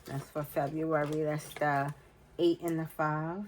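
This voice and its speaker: Her voice is deep and darkish with little pitch movement, a little slow, on a rough recording with a bit of hiss or hum. She's a budgeting vlogger from the United States in her forties, nasal and stuffed up with a cold. Chatting casually as she fills in budget challenges, she counts aloud under her breath without hurry.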